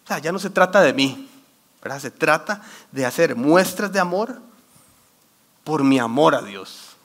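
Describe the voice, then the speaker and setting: A man giving a sermon talk, telling a lively story and quoting scripture while getting over a cold. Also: fairly high pitch, a little slow. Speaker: church youth speaker.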